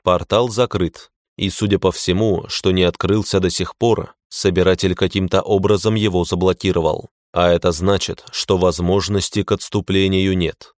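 A man reading a fantasy audiobook in a measured, grim first-person narration. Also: low-pitched, fairly even intonation, no room sound, studio quality.

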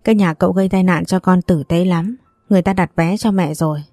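A woman's voice: fairly low pitch, fairly even intonation, fast talker, warm tone, no room sound, studio quality, soft background music. A woman voicing a middle-aged mother who talks in a choked, sobbing voice. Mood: tearful.

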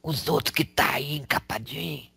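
A man channeling a male spirit who preaches in a slangy, raspy whisper, tagging lines with rhetorical questions. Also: on the high side, normal speed, pushed and bright, exaggerated voice. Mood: preaching. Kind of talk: spiritual counsel.

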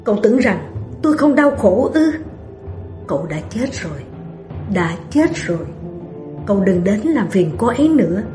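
A woman's voice: fairly high pitch, fairly quick, lightly acted. Audiobook: cold, tormented young husband, short clipped lines, woman reader doing him, echoey room with faint music. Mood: anguished. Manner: curt and flat, breaking into anguish. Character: cold young husband, brooding and guilt-ridden.

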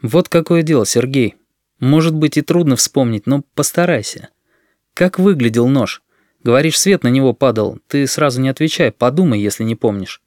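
Man playing a kindly middle-aged police captain, measured and gentle, for a storybook reading. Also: mid-range voice, dry recording, clean studio sound, natural voice. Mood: calm.

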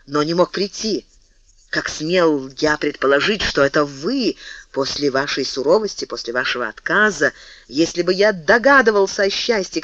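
A man's voice: on the high side, bright, forceful tone, no echo, voice pushed down. A man voicing a lovesick nobleman who pleads fervently with the woman he loves. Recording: dull lo-fi dry recording.

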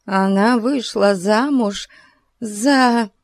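A woman's voice: medium pitch, very slow, dry recording, studio quality, pitched above the performer's own voice. Woman doing a breathless, timid old companion. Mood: flustered. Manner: breathless, gasping.

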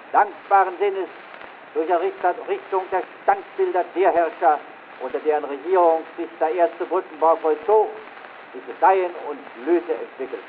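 Blechern verrauschte historische Festrede eines Mannes. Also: male voice, sits high. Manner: solemn, declamatory, grandiloquent. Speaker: government official giving a dedication speech. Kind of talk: formal ceremonial oratory, early 1900s. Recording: scratchy, tinny early 1900s phonograph recording.

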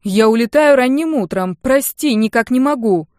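A woman's voice: on the high side, animated, moderate pace, a little mellow, dry recording, clean studio sound, pitched above the performer's own voice, natural voice. A woman voicing a flighty grown man, an artist father who pleads and apologizes to dodge his duties. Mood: pleading. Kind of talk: audiobook character voice.

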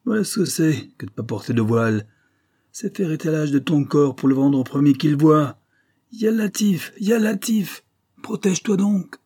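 Male reader as furious veiled woman, high shrill scold, husky tone. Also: fairly even intonation, quick pace, few pauses, a little mellow, dry recording, studio quality.

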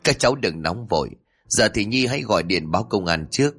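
A man voicing a calm, composed older aunt in a spoken story, giving steady instructions. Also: fairly low pitch, brisk, husky, heavily acted.

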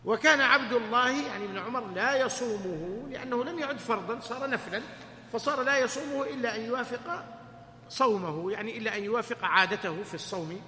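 A man's voice: extremely high pitch, fast, sharp tone. A man teaching a lesson in a mosque study circle, correcting his reader and joking with the students. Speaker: sheikh teaching hadith. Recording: echoey hall, faint hum.

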